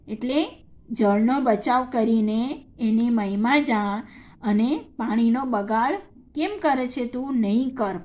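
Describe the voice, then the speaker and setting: Slow, patient woman teacher with a Gujarati accent. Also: on the high side. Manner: slow, patient, addresses children directly, recites verse in a sing-song. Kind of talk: slow classroom lesson explaining a poem to children.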